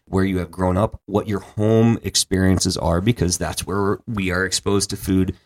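Man, very low voice, profane and joking, casual podcast chat, restarts his sentences. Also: level tone, normal speed. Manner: profane, joking, repeats words when starting a thought. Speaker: podcast co-host.

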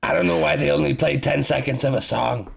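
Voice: medium pitch, brisk, creaky, heavy background noise. A player in a tabletop game, jokey and teasing.

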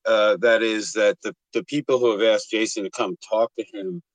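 A man with a tinny, thin sound and no bass, as if in a tin can, giving a measured, point-by-point opinion as a caller in a group chat. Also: steady tone, dry recording. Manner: measured, deliberate, argues point by point. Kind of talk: casual opinion in a live discussion.

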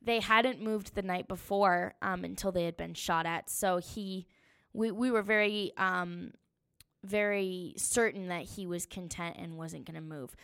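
A woman's voice: fairly low pitch, unhurried, clear, resonant tone. A young woman telling a story of her hunt in a casual, chatty way, with many fillers. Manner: chatty, animated, lots of "um"s.

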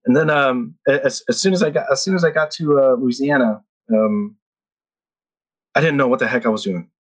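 A podcast guest in his thirties from the Philippines rambles through stories in a casual chat, often restarting and laughing. His voice is medium-pitched and fairly quick, and the recording quality is low.

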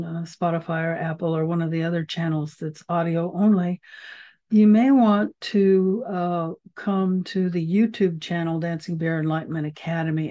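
An American woman with a fairly low, mellow voice hosts a podcast and teaches a class on herbal remedies. Her casual teaching talk is chatty and rambling, full of fillers. It was recorded over a video call, and the audio sounds slightly dull.

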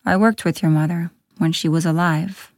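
Soft-spoken gruff beast, sorrowful and kind, read by a woman storyteller; low, dry delivery. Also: fairly even intonation, normal speed, no room sound, natural voice. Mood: solemn confession.

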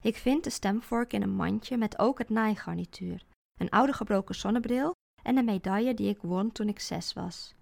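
A woman narrating a first-person story, expressive and dryly funny. Her voice is heavily gravelly with constant vocal fry, at a middle pitch. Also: moderate pace.

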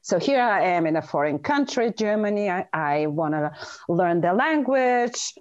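Speaking with a medium pitch and a slightly mellow, expressive tone, a middle-aged woman from Bulgaria shares stories earnestly and emphatically in an interview. She is a dentist and author, talks at a moderate pace, and the recording lacks high frequencies.

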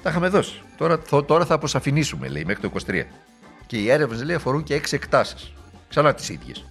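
A man's voice: medium pitch, very animated, fairly bright tone, faint music behind. A man giving a political speech in a sarcastic, rhetorical, mocking manner.

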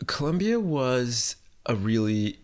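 A young Puerto Rico-born artist answers interview questions in a relaxed, rambling way, sprinkling in plenty of "like" and "you know." His medium-pitched voice is slow and sing-song.

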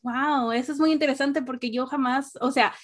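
A woman with a high voice hosts a relaxed podcast conversation. She talks in a chatty, animated way, laughs easily and slips English words in among the rest. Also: normal speed. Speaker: podcast host. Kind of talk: casual conversational interview.

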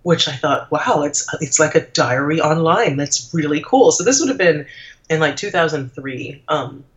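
A Trinidadian woman who left law to become a blogger speaks as an interview guest in a casual, reflective chat, thinking out loud as she goes. Her voice sits low and expressive at a normal pace, and the audio is dull and lo-fi.

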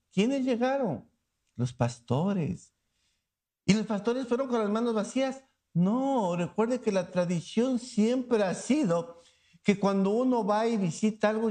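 High-voiced preacher giving an animated sermon. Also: male voice. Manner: animated, asks the listeners rhetorical questions and acts out scenes.

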